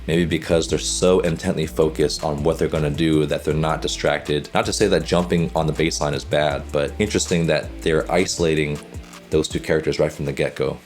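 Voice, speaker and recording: Deep-voiced upbeat male coach. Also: steady tone, brisk, faint music behind. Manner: upbeat, chatty, breaks down what he sees. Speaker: volleyball coach and reaction host. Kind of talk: casual reaction commentary.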